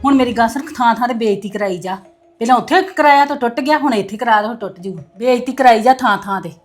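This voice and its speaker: A woman's voice: fairly high pitch, fast talker, soft background music, lightly acted. A woman plays a quarrelsome mother who scolds her son and daughter-in-law with accusing questions. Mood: scolding. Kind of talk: family web series acting.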